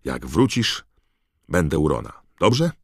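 A man's voice: extremely low pitch, sing-song, unhurried, breathy edge, no room sound, studio quality, exaggerated voice. A man voicing a friendly teenage boy wizard in an audiobook. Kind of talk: audiobook character reading.

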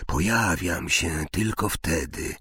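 A man voicing a cruel, hissing dark lord's ghostly face in a whispered role-play, sneering and half-whispered. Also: sits low, takes it slowly, husky, no echo, heavily acted. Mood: cold, menacing.

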